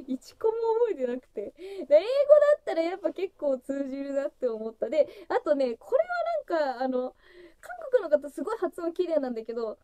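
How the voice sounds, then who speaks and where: Giggly high-voiced woman chatting on stream. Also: mellow, dry recording. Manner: chatty and giggly, breaks into frequent laughter, voice jumping high. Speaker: livestream host opening fan gifts. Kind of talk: casual solo livestream chat.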